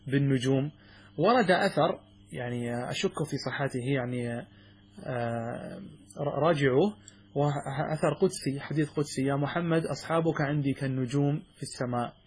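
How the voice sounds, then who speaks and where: A man's voice: mid-range voice, breathy edge. A middle-aged man, a sheikh, teaching a classical text in a classroom lesson, asking his students questions and answering them himself. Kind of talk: classroom lesson explaining verses.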